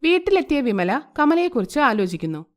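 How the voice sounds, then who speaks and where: High, lively storytelling woman. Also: a little fast. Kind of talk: storybook narration.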